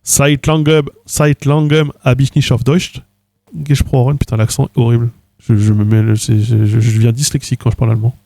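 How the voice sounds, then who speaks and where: A man's voice: mid-range voice, level tone, brisk, creaky, dark tone, no room sound. French man in his thirties, dry sound. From France. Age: 30s. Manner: switches between languages with hesitant fillers. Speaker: streamer. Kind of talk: casual livestream chat.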